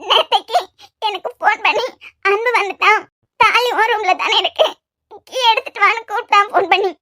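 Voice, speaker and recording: Tearful cartoon bride, super high squeaky voice, kanyakumari tamil, pleading, dry. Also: female voice, steady tone, brisk, pushed and bright, dry recording. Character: tearful young bride, pleading her innocence.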